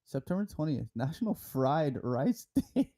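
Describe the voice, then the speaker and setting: Mellow-voiced man, laughing and joking. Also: a little high, sing-song, a little slow. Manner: laughs often, profane, playful wordplay. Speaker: podcast co-host. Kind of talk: casual chat.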